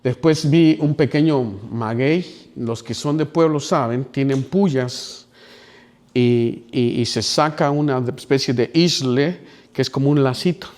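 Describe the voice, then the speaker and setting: A man preaching a sermon, telling a story with sudden drops to a hush and climbs to loud pleading. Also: mid-range voice, unhurried. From Mexico. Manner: dramatic storytelling with wide swings from near whispers to loud pleading. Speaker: pastor.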